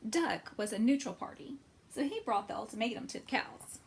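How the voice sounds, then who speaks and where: A woman hosts a children's storytime in a fairly high, very animated voice. She explains things simply and asks young listeners questions, with creak in her voice. There is faint noise in the recording. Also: moderate pace. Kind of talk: animated storybook read-aloud and craft talk for children.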